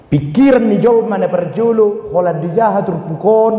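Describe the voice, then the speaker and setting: A man with a Batak accent preaching a sermon as pastor, animated and asking the congregation questions. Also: high-pitched, moderate pace. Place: church. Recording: echoey church hall, dull lo-fi sound.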